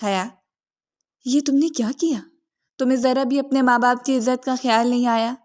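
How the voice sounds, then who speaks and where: A woman's voice: high voice, steady tone, a little mellow, natural voice. A woman reading a scolding, heartbroken mother. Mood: angry scolding. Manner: scolding, reproachful.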